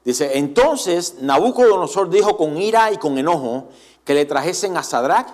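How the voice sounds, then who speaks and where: A male pastor delivers a church sermon with a fairly high voice that rises and falls dramatically. He keeps turning to the congregation with questions, animated and engaged throughout. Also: moderate pace.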